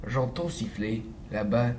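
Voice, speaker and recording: A man voicing the Gruffalo, a big, hungry, gullible male monster, speaking slowly in a deep growl in a storybook reading. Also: darkish tone, a little hiss or hum.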